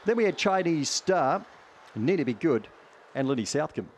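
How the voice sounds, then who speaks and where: A man's voice: on the high side, big pitch swings, normal speed, slight background noise. A man with a broad New Zealand accent giving live greyhound race commentary in a clipped running call of positions.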